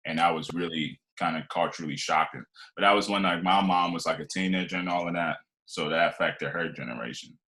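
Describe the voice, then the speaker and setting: His low-pitched voice sounds pushed and bright, brisk with few pauses. A podcast guest in his twenties who is originally from Liberia, he shares his life story conversationally, wandering along and frequently restarting amid filler words.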